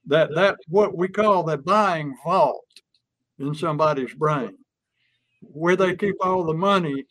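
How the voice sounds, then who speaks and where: A man's voice: fairly high pitch, slow, a bit bright, no echo. Folksy man teaching through stories. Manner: folksy, illustrates with stories and acted examples. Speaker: sales and persuasion speaker. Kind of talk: conversational teaching chat.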